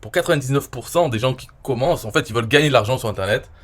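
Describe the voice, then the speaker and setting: This is a man from France in his forties, an online marketer going over his own interview in a rambling, casual monologue. His medium-pitched voice is animated and rapid-fire, full of "euh" and "voilà," and he frequently trails off softly.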